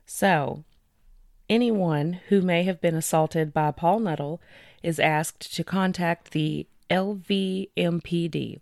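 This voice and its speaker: Talking through cases on a true-crime podcast she co-hosts, this woman chats casually with plenty of fillers and slows down for the details. She has a low, creaky, slightly mellow voice, captured at studio quality with no room sound.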